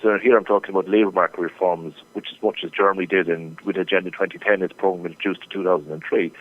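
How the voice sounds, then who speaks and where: Fast-talking man over a tinny phone line. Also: deep voice. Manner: fast, with many restarts and repeated words. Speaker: market strategist guest. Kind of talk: interview answers.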